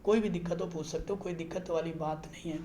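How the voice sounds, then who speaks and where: A man's voice: fairly high pitch, steady tone, quick pace, warm tone, echoey room, a little hiss or hum. A man hosting a casual explainer video, talking the viewer through an app and often checking that they follow. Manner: chatty, keeps checking in with the viewer. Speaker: channel host explaining a trading app. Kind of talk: casual screen-recorded explainer.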